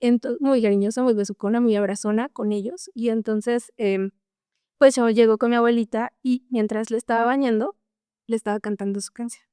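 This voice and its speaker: A woman's voice: a little high, steady tone, fairly quick, warm tone, clear, resonant tone, no echo, clean studio sound. A young woman guest telling a personal story in an earnest, casual way, often tagging her lines with a questioning "no?". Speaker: podcast guest.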